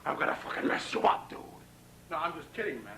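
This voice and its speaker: A fairly high, slightly bright male voice moves quickly with big pitch swings as a Brooklyn-accented man films a rambling, profane message to a pen pal in his apartment bedroom. He brags, issues threats, stumbles through stuttered restarts and leans on "man" nonstop. The 1990 camcorder sits on a tripod, so the tape sounds distant, roomy and hissy.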